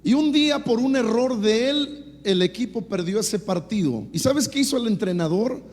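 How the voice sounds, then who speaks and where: A middle-aged man with a Mexican Spanish accent preaching a sermon as pastor, swinging from quick storytelling asides to rising emphatic bursts. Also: high-pitched, animated, darkish tone. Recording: long hall reverb.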